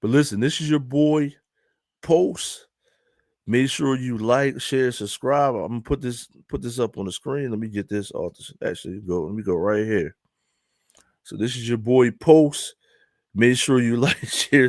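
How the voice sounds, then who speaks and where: A man's voice: medium pitch, normal speed, no room sound, studio quality. Laughing, joking male live-stream host. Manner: loose, joking, laughs often. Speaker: online news host. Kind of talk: casual live-stream commentary.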